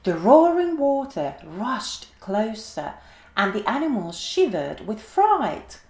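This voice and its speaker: A woman gently and expressively reading a children's story aloud in an echoey room. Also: mid-range voice, sing-song, takes it slowly.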